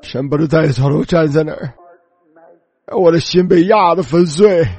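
A man with a high voice delivers a sermon as a personal testimony. He speaks in an emotional, pleading manner that often turns tearful. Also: moderate pace, darkish tone, slightly rough. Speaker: preacher.

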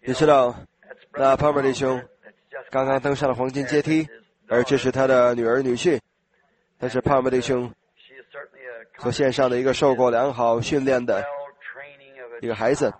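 A slightly hoarse man preaching an informal sermon, talking conversationally to his congregation and asking them questions. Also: mid-range voice, flat delivery, normal speed, pauses often, rough recording.

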